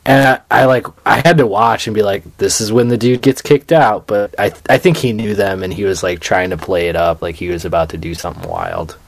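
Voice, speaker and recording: Low-voiced man, dry close sound. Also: steady tone, a little fast, gravelly, few pauses, no echo. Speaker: podcast co-host. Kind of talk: casual chat. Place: home, remote podcast recording.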